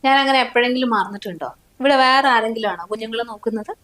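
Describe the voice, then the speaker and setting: A woman's voice: a little high, racing, a bit bright. A woman acting a wife in a short drama, complaining and hurt in tone. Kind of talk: scripted drama dialogue.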